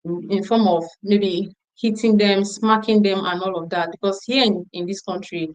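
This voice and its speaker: A woman's voice: medium pitch, steady tone, moderate pace, dull audio. A middle-aged woman speaking at a parenting conference, telling a story emphatically and repeating phrases for stress. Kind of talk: storytelling talk to an audience.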